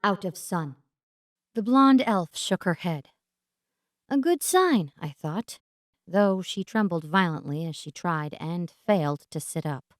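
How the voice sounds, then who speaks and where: Low-voiced woman, dramatic fantasy narrator. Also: lively intonation, unhurried, no room sound, clean studio sound. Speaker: audiobook narrator.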